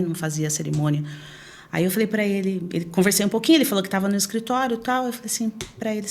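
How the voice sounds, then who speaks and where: A middle-aged woman with a Brazilian São Paulo-area accent, chatting as a guest in an interview and telling animated stories with frequent laughs. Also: mid-range voice. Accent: Brazilian Portuguese, São Paulo area. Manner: animated storyteller, laughs often. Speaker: guest, bar association president. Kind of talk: casual interview chat.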